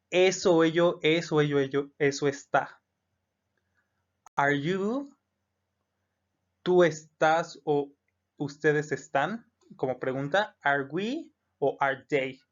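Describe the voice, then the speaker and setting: A man's voice: on the high side, a bit bright. A man teaching English grammar to students in Spanish. He explains patiently and repeats each example with its translation. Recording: dull lo-fi recording.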